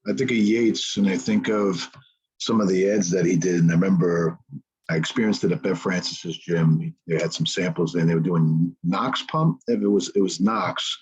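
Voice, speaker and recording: Deep husky-voiced podcast host. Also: male voice, moderate pace, a little mellow, dull audio. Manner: enthusiastic, reminiscing. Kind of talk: casual chat.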